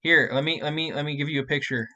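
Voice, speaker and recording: A man's voice: a little high, fairly even intonation, fast, muffled recording, a crowd in the background. A man running a tabletop game as game master on a livestream, thinking aloud with many restarts.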